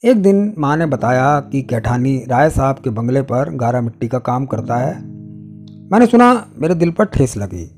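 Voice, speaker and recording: A man reading a short story aloud, in a measured, expressive storytelling manner. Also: mid-range voice. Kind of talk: scripted story narration. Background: faint guitar music.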